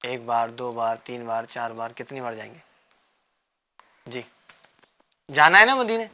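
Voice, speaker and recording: Guy hosting a kids' show, bright tense voice, keeps asking the kids stuff and teasing them a bit. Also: mid-range voice, big pitch swings. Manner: coaxing, repeats questions, gently teasing. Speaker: host of a children's religious show. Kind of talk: quizzing children in a studio class.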